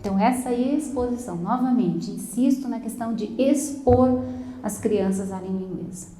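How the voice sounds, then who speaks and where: Warm-voiced teacher in an echoey room. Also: female voice, fairly high pitch, moderate pace, a little hiss or hum. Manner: explanatory, keeps tagging sentences with "né?", mixes in English words. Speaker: English teacher at a school. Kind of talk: talk to parents.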